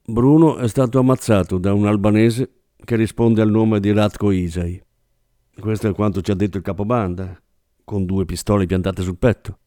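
A man narrating an audiobook in a steady, measured way. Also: lowish voice, dry recording, studio quality.

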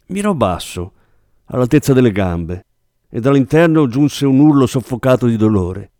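A man reads an audiobook in a steady, measured manner with a mid-range voice. The recording is dry, with clean studio sound.

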